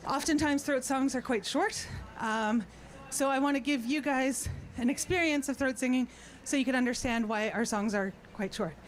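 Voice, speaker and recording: In a high voice at a moderate pace with few pauses, a throat singer playfully chats with and instructs her audience on an outdoor festival stage. Soft background music plays, and the live outdoor recording carries clear background noise.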